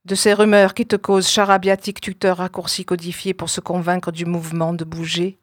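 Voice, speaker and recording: A woman giving a spoken-word poetry recitation, with a deliberate, incantatory delivery in fragmented phrases. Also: on the low side, level tone, no echo, clean studio sound. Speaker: poet.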